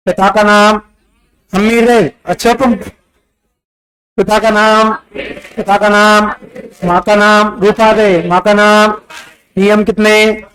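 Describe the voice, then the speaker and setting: Male teacher, rapid-fire quizzing in class, high voice, smooth tone. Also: flat delivery, a bit bright, rough recording. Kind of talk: classroom exam-prep lecture.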